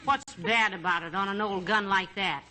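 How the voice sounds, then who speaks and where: An actress playing a tart, sharp-tongued wife in a 1940s radio comedy. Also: female voice, mid-range voice, normal speed, close to an everyday voice. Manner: tart, teasing. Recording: hissy old radio recording.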